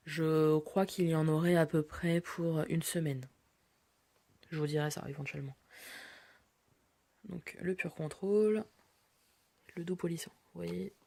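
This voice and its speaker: Woman showing off a beauty haul, lowish mellow voice, chatty with lots of ums. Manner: chatty, lists prices and products, frequent fillers. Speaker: beauty vlogger. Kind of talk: casual product haul walkthrough.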